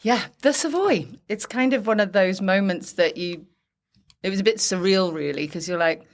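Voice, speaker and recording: A woman's voice: medium pitch, moderate pace. A woman guest in a casual interview, a chatty storyteller who laughs often. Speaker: guest, theatre executive.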